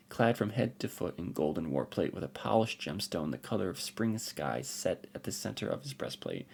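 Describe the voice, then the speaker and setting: A man, a podcast host, narrating a fantasy story in an expressive, unhurried way. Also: a bass voice, creaky, a little hiss or hum.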